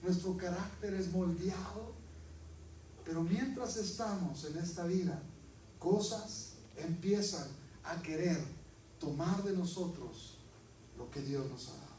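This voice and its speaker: A high-pitched male pastor preaches with fervor, calling on his congregation to repeat after him and acting out little dialogues. His voice rings through an echoey church hall, picked up from a distance. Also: slow pace, mellow, a little hiss or hum. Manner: fervent, leads the congregation in call-and-response; acts out prayers and dialogues in shifting voices. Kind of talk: preaching sermon.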